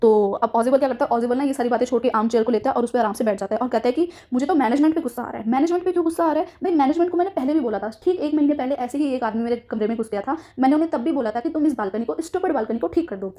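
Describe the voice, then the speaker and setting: Slow-talking woman teacher, dark tone. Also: sits high. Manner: explains slowly, addresses students as beta. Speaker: English teacher. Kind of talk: Hindi-English literature lesson.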